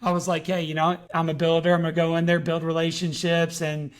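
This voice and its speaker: A man in his late thirties from Georgia, a high school coach telling his story in a podcast interview, earnest with many fillers and restarts. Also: completely flat delivery, quick pace.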